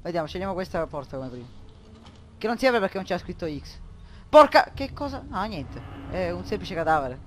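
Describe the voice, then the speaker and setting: A young man talks through a horror game at his desk, his voice sitting high and climbing into frightened shouts. He curses constantly and mutters to himself between scares. A faint hiss sits beneath the recording. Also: expressive, fast talker. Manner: panicky, swearing, bursts into yelling. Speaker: gameplay commentator. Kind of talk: horror game let's play commentary.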